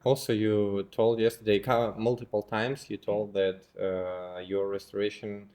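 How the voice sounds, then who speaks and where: A man in his twenties interviewing a guest, asking long, rambling questions in non-native English with many pauses. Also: lowish voice, flat delivery, darkish tone. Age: 20s.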